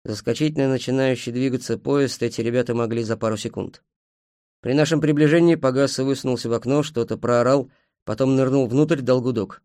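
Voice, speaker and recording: A man narrating an audiobook in a calm, matter-of-fact way. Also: mid-range voice, a little fast, no room sound, clean studio sound.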